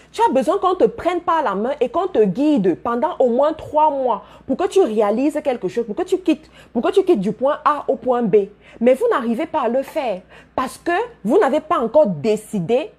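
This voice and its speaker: An emphatic woman coach speaks straight to her listeners and drives home her points by repeating them. Her voice sits fairly high, with a slightly husky grain. Her pitch rises and falls in lively swings. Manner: emphatic, repeats key phrases, addresses listeners directly. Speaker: business coach. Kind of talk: motivational talk to followers.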